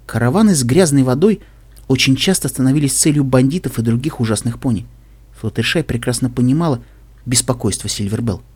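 Husky male audiobook narrator. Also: medium pitch, a little mellow. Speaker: audiobook reader. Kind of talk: scripted narration.

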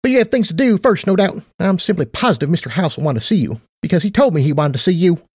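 A man's voice: sits high, sing-song, fast, darkish tone, husky, no echo, clean studio sound, voice pushed up, exaggerated voice. A man voicing a perky, affectionate female pony who teases and chatters in a bubbly way.

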